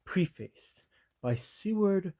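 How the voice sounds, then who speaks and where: A man voicing a stern, loyal commissar who reads a military handbook aloud in whispered role-play, measured and officious with dry asides. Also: high voice, expressive, warm tone, pitched above the performer's own voice.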